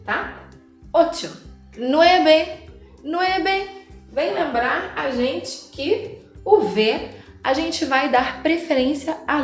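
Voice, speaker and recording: A woman's voice: on the high side, reverberant. A woman from Rio de Janeiro with a Carioca accent, teaching a language lesson patiently, drawing out example words and checking in with the listener. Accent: Carioca Brazilian Portuguese. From Rio de Janeiro, Brazil. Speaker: Spanish teacher.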